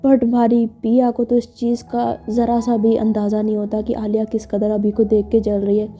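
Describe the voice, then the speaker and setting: A woman narrates a story in a loose, chatty way, full of fillers. Her voice is fairly high yet dark and mellow. The recording sounds muffled and lo-fi, with faint music underneath. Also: monotone, normal speed.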